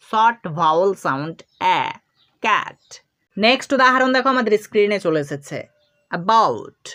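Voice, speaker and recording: A woman gives a patient phonics lesson for young children. She pauses on example sounds and repeats them one by one, at an everyday middle pitch. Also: fairly bright tone. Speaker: English teacher. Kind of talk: instructional explanation to children.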